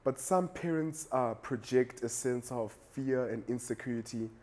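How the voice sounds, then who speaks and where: A man's voice: medium pitch, normal speed, a little mellow. A young South African man co-hosting a casual chat, earnest and reflective, calling his friend "dog". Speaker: podcast co-host.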